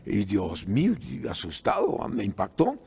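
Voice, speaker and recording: A man's voice: lowish voice, wildly swooping pitch, a little slow, gravelly, a little mellow, husky. A middle-aged man with a Guatemalan accent, a pastor telling a testimony in an earnest conversational teaching style, with many fillers.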